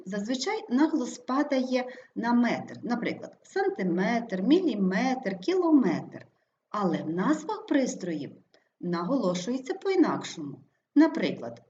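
A woman's voice: mid-range voice, a little mellow, a little hiss or hum. A woman teacher reading a scripted lesson, sounding out each example word carefully to mark its stress. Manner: careful, stress-marking pronunciation of example words. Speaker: language teacher. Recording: roomy, slightly dull sound.

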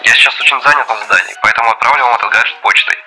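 A man's voice: medium pitch, racing, bright, forceful tone, rough recording. A man playing a busy, matter-of-fact secret agent in scripted phone dialogue. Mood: brisk. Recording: music behind the voice.

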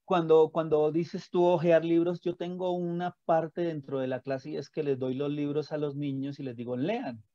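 A man's voice: fairly high pitch, level tone, moderate pace, few pauses, dark tone, no echo. A man interviewing a teacher, asking questions in an informal way. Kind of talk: conversational interview. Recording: dry dull lo-fi audio.

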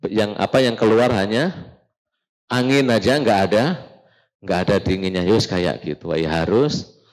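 A man teaching a religious study session to a live audience, lively and joking, often asking the room questions. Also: on the low side, measured pace, low-quality recording. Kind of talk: casual Islamic study talk.

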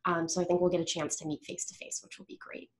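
Lower-voiced woman hosting a community call. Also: flat delivery, fast talker. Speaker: developer marketing presenter, call host. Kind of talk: casual online presentation. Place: indoors, remote video call.

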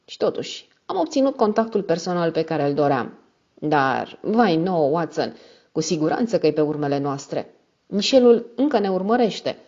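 A woman voicing a calm, courteous and shrewd male detective who speaks politely and in measured tones. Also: low voice, lo-fi sound, full character voice. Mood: amused.

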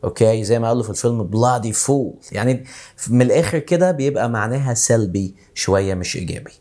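A man with an Egyptian Arabic accent teaching English casually, slowing down to repeat English phrases word by word. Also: mid-range voice, animated, warm tone. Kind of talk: casual video lesson.

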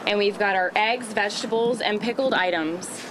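A woman's voice: mid-range voice, moderate pace. A young woman farm vendor, enthusiastically describing her produce in a live outdoor TV interview. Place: outdoor farmers market. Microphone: reporter's handheld mic. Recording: outdoor background noise.

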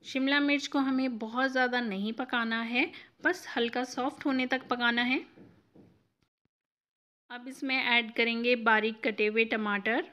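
Female cooking host, fairly high and crisp, instructive recipe voice-over. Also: pushed and bright. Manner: clear step-by-step instructive.

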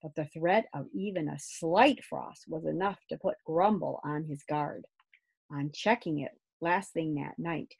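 Storyteller: woman, low and husky voice, gentle and expressive read-aloud. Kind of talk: children's book read aloud.

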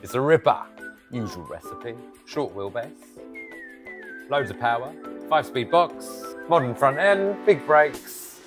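An animated man in his thirties walks through a custom bike's parts in casual show-and-tell. He speaks outdoors beside a garage door, picked up on a clip-on mic. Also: medium pitch, measured pace, faint music behind. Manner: animated, explains with hand gestures. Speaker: custom motorcycle builder. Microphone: lapel mic.

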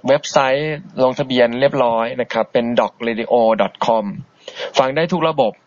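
A man in the host's chair of an internet radio show, talking in a relaxed, polite, chatty way as he answers listeners. His voice sits at an ordinary middle pitch and comes through a dull, boxy low-bitrate stream, close to the mic with no room sound around it. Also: fairly quick, dry recording. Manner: easygoing and polite, chatty, soft-spoken asides. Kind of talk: casual radio chat reading listener messages.

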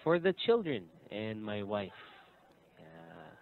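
A man's voice: lowish voice, big pitch swings, slow pace. A man in his thirties teaching an English lesson over a call, patient and encouraging, laughing often. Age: 30s. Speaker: English tutor. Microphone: video call. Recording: tinny phone-like line.

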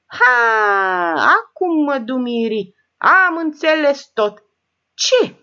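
A woman voicing a shrewd, sharp-tongued rich old woman who scolds and mocks the people around her. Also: sits high, very animated, vocal fry, muffled recording, voice pushed up, exaggerated voice. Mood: scornful. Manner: scolding, sarcastic, bossy.

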